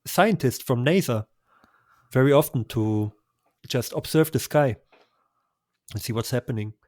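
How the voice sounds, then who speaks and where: Effusive and laughing lightly, a man shares travel recommendations in a conversational interview. His medium-pitched voice is somewhat dark and measured, captured dry with no room sound.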